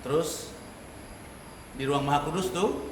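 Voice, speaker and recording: Man, high voice, church teaching, animated, rhetorical questions, echoey room, far from mic. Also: measured pace, noisy background. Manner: animated, rhetorical questions to the class, frequent laughter. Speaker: teacher of worship leaders.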